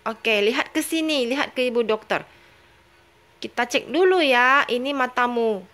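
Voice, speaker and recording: A kind lady doctor, acted by a woman, speaks in a soothing, reassuring way. The voice sits a little lower than the woman's own, but it stays bright. This is a toy role-play. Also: moderate pace, natural voice. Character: kind gentle female doctor.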